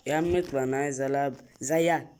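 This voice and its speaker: A man with an Egyptian Arabic accent giving excitable let's-play commentary, repeating short exclamations and breaking into sudden high yelps. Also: quick pace, faint music behind. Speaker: gaming channel host.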